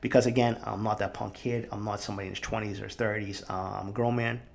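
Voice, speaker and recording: Gravelly-voiced man in his forties. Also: fairly low pitch, little pitch movement, fast talker. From Boston. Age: 40s. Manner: candid, profane, reflective. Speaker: podcast host. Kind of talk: solo podcast monologue.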